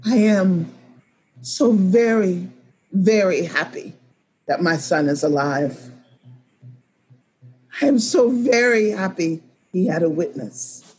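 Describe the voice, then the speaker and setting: A woman telling a personal story as a professional storyteller, speaking in a measured way and repeating phrases for emphasis. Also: fairly low pitch, lively intonation, darkish tone, slight background noise. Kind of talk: told personal story to a live audience.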